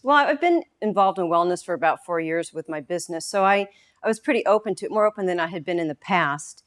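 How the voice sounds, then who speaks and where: A woman's voice: on the low side, animated, fast talker. A woman in her fifties speaking in an open, reflective way in an interview. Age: 50s. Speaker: client giving a testimonial. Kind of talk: interview testimonial.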